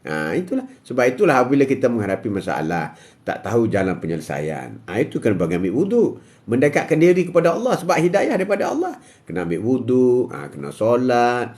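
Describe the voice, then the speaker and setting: This older host, who has a Malaysian Malay accent, speaks fairly quickly in a medium, slightly mellow voice whose pitch swoops wildly. He's leading a live-streamed religious talk and replying to viewer comments, emphatic and repetitive with lots of "ha."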